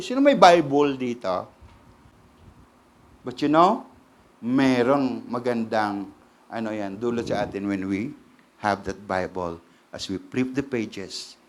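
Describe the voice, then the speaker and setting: Animated Filipino man preaching a sermon. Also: mid-range voice. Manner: animated, switches between Tagalog and English, asks the congregation questions. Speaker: pastor.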